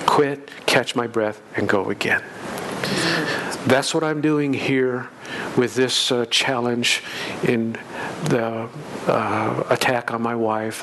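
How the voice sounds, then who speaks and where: A middle-aged American man preaching in a folksy, unhurried storytelling style, repeating phrases for emphasis. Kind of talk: storytelling sermon. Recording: noisy recording with low rumble.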